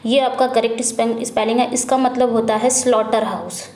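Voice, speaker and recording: A woman teacher working through an English exam practice paper, reading each question slowly and then asking and answering it herself, repeating the answer. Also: fairly high pitch, steady tone, darkish tone. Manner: mixes Hindi with English terms, reads questions out slowly. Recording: echoey room.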